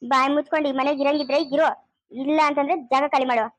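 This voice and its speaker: A woman speaks in a very high, quick voice, scolding and quarrelling in an amateur family drama. The sound is dry and close, with no room around her. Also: fairly even intonation, dry recording. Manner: shouting, scolding, rapid quarrelling.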